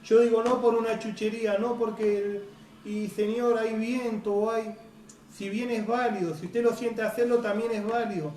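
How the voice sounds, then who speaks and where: A male preacher, giving an earnest, unhurried sermon that keeps asking "right?". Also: high voice, steady tone, warm tone. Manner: earnest, unhurried, frequent "right?" tag questions. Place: church hall. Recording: echoey hall, distant mic, faint noise.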